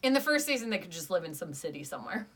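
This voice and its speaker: Talking rapid-fire and very animated, a young woman with a low-leaning, fairly bright voice banters through a casual podcast review. She's chatty and enthusiastic as she argues playfully with her friend and co-host.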